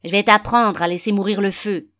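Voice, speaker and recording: A woman voicing a harsh, drunken father who shouts and threatens in a loud, barking voice, read as a story. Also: fairly low pitch, expressive, normal speed. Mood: furious shouting. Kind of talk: storybook reading.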